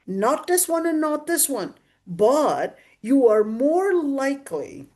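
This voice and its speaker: A female voice on the high side, teaching a religious class. She lectures in an emphatic, didactic way and comes back to key phrases, restating them for weight. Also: big pitch swings, takes it slowly, a little mellow. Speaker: religious teacher giving a Quran exegesis class.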